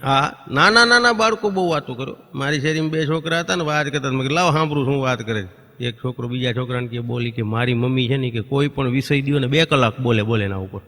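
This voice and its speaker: Performing folk comedy on stage, a man speaks at medium pitch in a pushed, bright voice. His storytelling is dotted with quick impressions of neighbours and children, and the hall produces a long reverb.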